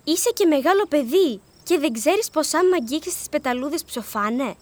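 A woman voicing a lively, chattering little girl in a storybook reading. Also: sits high, no room sound, voice pushed up. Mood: scolding. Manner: bossy, chattering.

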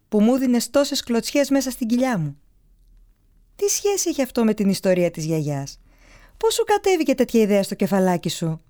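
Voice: medium pitch, warm tone, voice pushed up, close to an everyday voice. A reader putting on a tender worried mother. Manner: tender, coaxing. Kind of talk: audiobook character voice.

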